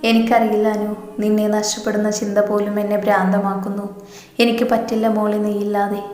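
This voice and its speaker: A woman's voice: mid-range voice, monotone, fairly quick, darkish tone, lightly acted. A woman voicing a hot-tempered young man who is also a tearful lover, in a storybook reading in a roomy, echoing space. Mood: tender. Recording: roomy echo with long reverb.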